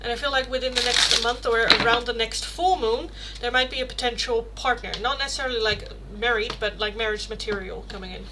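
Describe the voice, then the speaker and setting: A young woman with a Rotterdam Dutch accent does a casual tarot reading on a livestream, rambling through chat questions with lots of fillers and self-corrections in a chatty way. Her voice is on the high side with a steady tone, fairly quick with few pauses. The recording is very noisy.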